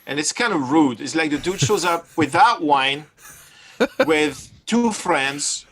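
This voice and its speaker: A man's voice: on the high side, lively intonation, slow, a bit bright, low-quality recording. A man talking casually as a producer in a studio session, explaining his ideas in a hesitant, circling way. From Brooklyn. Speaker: music producer directing a session. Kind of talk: casual collaborative studio talk.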